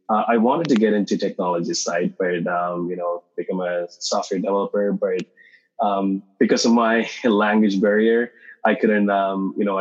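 A man's voice: low-pitched, muffled recording. A man from Sri Lanka, for whom English is a second language, speaking as a podcast guest in a hesitant way, full of fillers. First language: not English. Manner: hesitant, many fillers and restarts. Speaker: guest, startup founder. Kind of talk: podcast interview.

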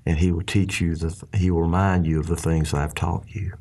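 A ministry leader with a Southern US accent discusses faith casually, in an earnest and folksy way, often restarting his sentences. He has a deep, mellow, slightly rough voice that stays fairly flat in pitch and moves briskly.

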